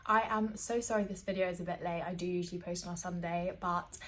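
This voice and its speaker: A woman's voice: fairly low pitch, fairly even intonation, fast talker, a bit bright. A woman, chatting casually to her phone camera at home with plenty of fillers and giggles. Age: 20s. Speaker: vlogger.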